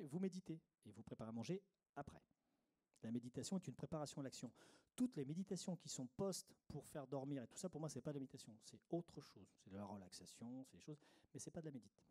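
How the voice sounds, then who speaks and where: Middle-aged male speaker, warm and dark timbre, mid pitch, conference talk, didactic, hammers home key points. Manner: didactic, repeats key phrases, frequent "euh" and "ok?". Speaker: meditation consultant giving a workshop talk. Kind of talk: conference talk to a live audience.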